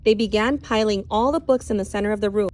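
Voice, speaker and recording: Female read-aloud narrator, teacher type, mid-range pitch, expressive storytelling delivery. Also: fast, no room sound. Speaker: teacher reading a novel aloud.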